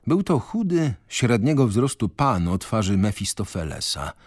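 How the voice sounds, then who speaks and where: Male radio reader of literary prose, low-pitched, dry close studio mic, measured dramatic delivery. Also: very animated, no echo.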